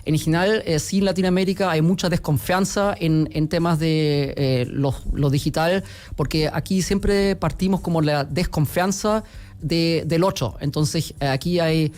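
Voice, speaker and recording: This German-accented man, a company executive guesting on a radio interview, has a slightly high, somewhat mellow voice and a moderate pace. He hesitates a lot, stumbling through fillers and restarting his sentences.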